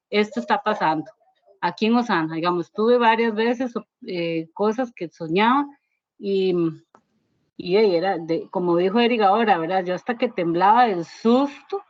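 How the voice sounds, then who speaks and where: A woman's voice: mid-range voice, dry recording. Woman, conversational testimony, rambling, lots of tag questions, dry dull lo-fi sound. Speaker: student sharing testimony in a church ministry class.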